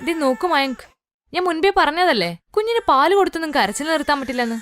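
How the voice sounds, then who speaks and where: A woman's voice: high voice, very animated, fast talker, a bit bright, voice pushed up. A woman voicing a vain, irritable rich young mother in a cartoon story, speaking sharply and bossily. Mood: irritated.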